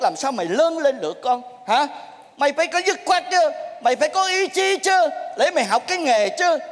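A man playing a troupe master in a stage comedy sketch, scolding in an exasperated, theatrical way. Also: very high voice. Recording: stage recording with long hall reverb.

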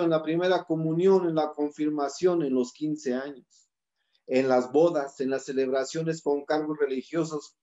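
A man's voice: on the high side, a little mellow, dull audio. A man giving an impassioned public talk with a Mexican Spanish accent, building his points through rhythmic repeated lists. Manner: rhetorical, listing in rhythmic repetitions. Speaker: speaker at a community forum.

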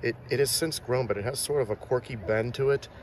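A man films with a handheld phone as he casually tours small-town filming locations, pointing out details outdoors and at shop windows and often restarting. His mid-range voice has a darkish tone and moves a little fast. There's slight background noise.

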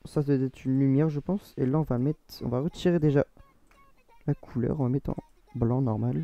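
A man's voice: medium pitch, fairly even intonation, brisk, gravelly, warm tone, no echo. A man with a French accent giving a casual, rambling modding tutorial, often correcting himself and laughing at his own slips. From France. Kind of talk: casual screen-recorded tutorial.

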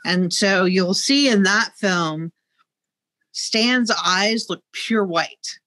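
A middle-aged woman talks over a video call from inside a museum. Her voice is bright and sharp, and she comes across as knowledgeable but pauses with frequent ums. The sound is dry, with very little room. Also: medium pitch, dry recording. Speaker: museum guide. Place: museum exhibit room, indoors. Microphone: video call, webcam.

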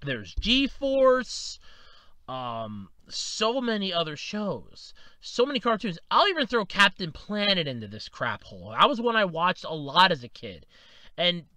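A man in his thirties giving a casual opinion monologue, swinging between loud outbursts and low mutters. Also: huge pitch swings, measured pace, no echo. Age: 30s. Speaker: video commentator.

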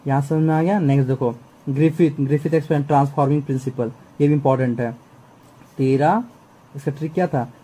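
Dark-voiced man tutoring biology. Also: medium pitch, fairly even intonation, fast talker, husky, rough recording. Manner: chatty, repeats, keeps checking students follow. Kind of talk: exam-prep lesson.

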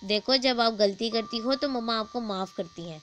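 A woman's voice: on the high side, fairly bright tone, a little hiss or hum, close to an everyday voice. A woman voicing a harried mother of two young daughters in a storybook, talking emphatically in a raised voice. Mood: coaxing. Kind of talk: storybook dialogue.

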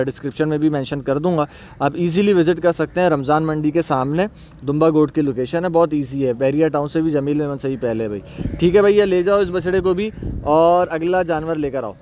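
Here a man with a Karachi-accented Urdu voice narrates off camera as a cattle market vlogger, showing animals in an outdoor cattle farm yard. He says "mashallah" again and again and shouts instructions to the handlers about walking the calf. The voice is a little high and somewhat mellow, with slight noise in the background.

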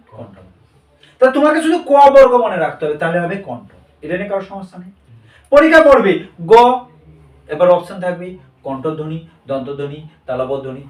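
A male teacher giving a grammar lesson to a class. He drills the students with call-and-response questions and repeats their answers back. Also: high-pitched. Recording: echoey room, mic far off.

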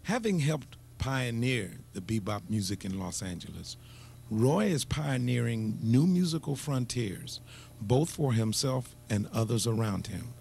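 A man reading scripted documentary narration at a steady pace. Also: mid-range voice, unhurried, vocal fry, slight background noise.

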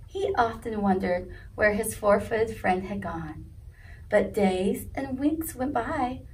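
A woman's voice: medium pitch, slow pace, a little mellow, recorded from a distance, slight background noise, low-quality recording. A woman leading a children's story time, reading a picture book aloud in a sing-song voice and asking the kids questions. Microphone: video recording.

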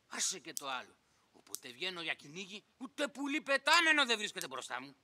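A man playing a grumpy, blustering village bird-catcher in a children's radio play, grumbling and quick to rage. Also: sits high, big pitch swings, bright, forceful tone, full character voice.

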